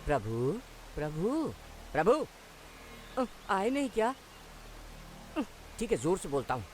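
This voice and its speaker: A man's voice: high-pitched, wildly swooping pitch, slight background noise, exaggerated voice. A man dubbing a comic young man who chants and pleads with a holy man, in a Hindi film dub. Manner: comic, fast-talking and eager. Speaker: young man trying to meditate.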